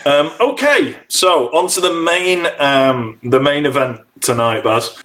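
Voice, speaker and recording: A man's voice: on the high side, a little slow, fairly bright tone. A man hosting a casual podcast, bantering in a teasing, gloating, jokey way. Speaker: podcast host.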